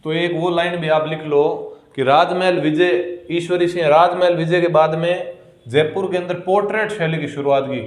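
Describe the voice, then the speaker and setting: A male coaching teacher with a Rajasthani accent and a slightly raised voice lectures on history. He stretches key words slowly as he writes and asks questions that he answers himself. The classroom leaves a clear echo on his voice. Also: a little high.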